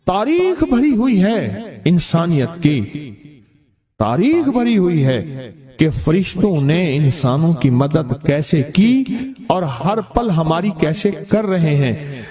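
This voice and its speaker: An animated man preaching and telling a story, emphatic and fond of repeating his phrases. His voice sits a little high and swings widely. A crowd is clearly heard around him. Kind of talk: sermon storytelling.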